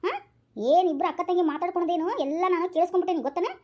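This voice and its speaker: A woman's voice: very high-pitched, steady tone, very fast, a little mellow, muffled recording. A woman voicing a sassy teenage younger sister who talks back, with a North Karnataka Kannada accent. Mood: cheeky. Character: cheeky teenage younger sister, quick-tongued. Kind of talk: homemade village drama.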